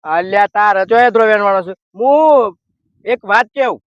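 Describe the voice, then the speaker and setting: A man's voice: high voice, normal speed, no echo. An older man in a village comedy sketch, wearily complaining about being lost while carrying an invitation card. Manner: weary, complaining, rustic dialect. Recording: dull lo-fi dry sound.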